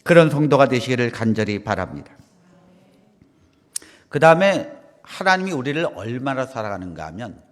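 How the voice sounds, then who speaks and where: A middle-aged man preaches in a small church, and his voice rises and falls in a lively, wide sweep. He drops to soft asides, then builds to loud, emphatic lines. A long reverb trails after every phrase. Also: medium pitch. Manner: swings between soft asides and loud emphatic preaching, acting out quoted dialogue. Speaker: pastor. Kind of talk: sermon.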